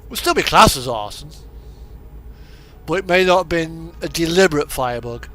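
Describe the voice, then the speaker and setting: Over radio music and the sounds of a truck simulator, a male streamer offers loose, wandering commentary on his gameplay, hesitating as he goes. His voice is fairly high and sharp in tone, animated, and delivered at normal speed.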